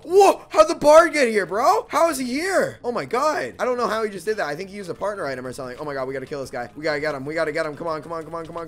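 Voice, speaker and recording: A young man commentating on his gameplay as a hyped gamer bro, excitable and slangy, often repeating short phrases. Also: medium pitch. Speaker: gaming video host.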